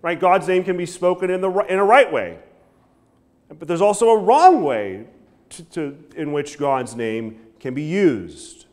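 A man's voice: a little high, measured pace. A man in his thirties preaching an evening sermon from a church pulpit, gesturing and often asking "right?". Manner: animated preaching with frequent "right?" asides and hand gestures. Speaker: pastor.

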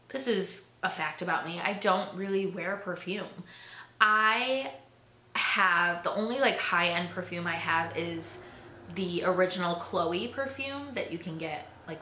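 A young woman chats to her camera about herself, her voice bright and sharp while sitting a touch low. She rambles casually with plenty of "like" and "um". The room is echoey, with a faint hiss behind her. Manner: chatty, filler-heavy with frequent "like" and "um". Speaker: YouTuber. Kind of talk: casual tag video chat.

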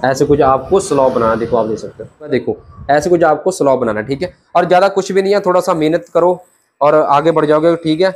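A man's voice: on the high side, brisk, a little hiss or hum. A young man, a barber, teaching a haircut step by step to camera in a small shop, chatty and brotherly, speaking on a lapel mic. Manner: chatty, brotherly, keeps saying "theek hai". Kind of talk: hands-on tutorial talk to camera. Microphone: clip-on lapel mic.

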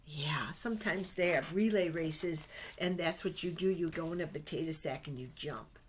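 This children's Bible storyteller, a middle-aged woman, reads picture books aloud, sprinkling in chatty asides and simple, gentle questions for young listeners. She speaks in a low-pitched voice at normal speed, captured by a desk-distance webcam in a small indoor office with slight background noise.

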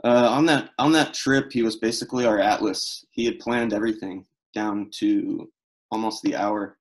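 A young man giving a solemn, halting, unprepared memorial tribute over a video call. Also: fairly low pitch, fairly even intonation. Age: young adult. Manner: solemn, halting, struggling to speak. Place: small room at home, indoors. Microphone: video call, computer microphone.

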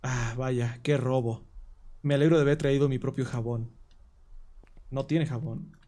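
A man's voice: medium pitch, fairly even intonation, measured pace, mellow. A man streaming a horror game live, thinking aloud as he plays. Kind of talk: live gameplay commentary.

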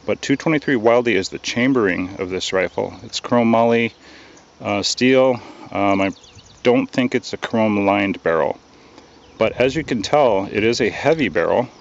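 A man giving a casual, relaxed product review outdoors, hesitant and full of ums and uhs. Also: fairly low pitch, moderate pace, lo-fi sound. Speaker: gun reviewer.

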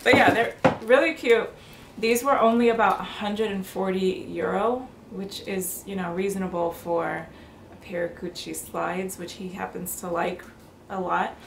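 A woman in her thirties chatting casually to camera in a room at home, bubbly and quick to laugh. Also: medium pitch, fairly even intonation, vocal fry. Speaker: fashion vlogger. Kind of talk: casual haul chat. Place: bedroom or apartment, indoors. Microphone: camera on tripod, mid-distance. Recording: roomy, noisy indoor recording.

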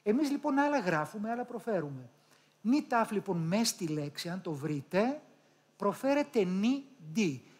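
A man from Greece with a Patras accent, coaching a live audience on public speaking, animated and demonstrating sounds aloud. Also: high-pitched. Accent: Patras Greek.

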